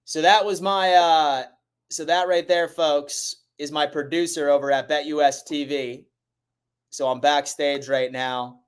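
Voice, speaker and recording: Man, sports livestream host, casual, hurried and urgent, crisp clear tone, higher-than-average pitch. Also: steady tone. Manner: hurried, urgent, addressing viewers directly. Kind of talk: casual livestream chat with viewers.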